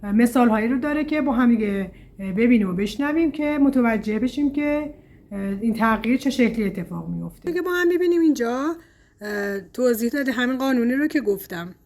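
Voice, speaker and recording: A woman from Iran teaching Chinese pronunciation in a casual lesson, pausing often with "uh" and stretching example words out slowly. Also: on the high side, animated, darkish tone. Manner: explains slowly, with frequent "uh" fillers.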